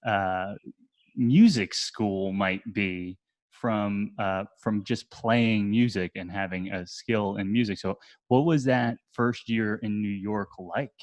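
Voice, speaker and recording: A man's voice: on the low side, slow, no echo. A man from New Jersey hosting a podcast interview, who thinks aloud and restarts a lot before he asks his questions. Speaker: podcast host. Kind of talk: casual interview conversation.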